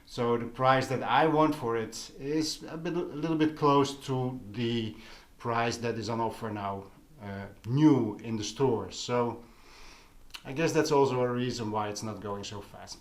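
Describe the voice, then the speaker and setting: A man with a non-native English accent chats casually about products in a vlog as an audio hobbyist. His mid-range voice is unhurried, halting and pausing mid-thought.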